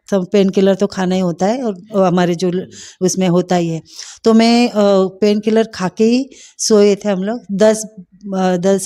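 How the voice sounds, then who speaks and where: Mellow-voiced woman giving a heartfelt testimony. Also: mid-range voice. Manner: heartfelt, hesitant with many fillers. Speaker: testimony speaker. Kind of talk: emotional personal testimony.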